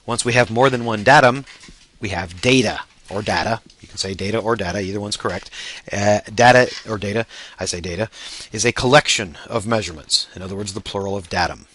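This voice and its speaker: A man lectures on statistics in a relaxed, explanatory way, slipping in frequent "uh" fillers as he works through examples. His voice sits somewhat low, yet its tone comes across bright and forceful. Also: fast talker.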